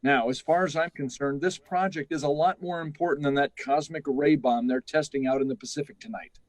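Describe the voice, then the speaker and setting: Performing in the style of a 1950s radio drama, a man voices a stern, careful test project chief on a space program, grave and insistent as he gives instructions. His pitch sits fairly high, his tone stays steady, and he talks fairly quickly. The acting is light and there's no room sound.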